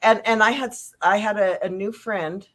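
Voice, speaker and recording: A woman hosting a casual interview, talking in an emotional, expressive way and laughing easily. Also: mid-range voice, normal speed. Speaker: host.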